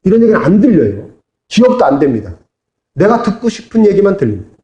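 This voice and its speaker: A man's voice: high voice, very animated, quick pace, mellow, dull audio. A man preaching as pastor to his congregation, asking them to repeat after him and answer back. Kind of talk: sermon. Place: church sanctuary. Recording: echoey church hall.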